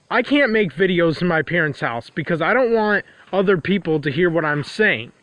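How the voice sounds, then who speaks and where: A congested man with a runny nose vlogs outside in the cold, his nasal voice pitched slightly higher than typical for a man. His confessional monologue rambles and loops, restating the same points again and again. The tone is fairly bright, with no room sound.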